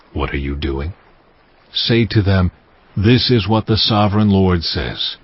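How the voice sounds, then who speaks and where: An actor playing a solemn, commanding God who pronounces judgment gravely and deliberately in a dramatized audio Bible. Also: male voice, lowish voice. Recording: muffled sound with music behind. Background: cinematic music.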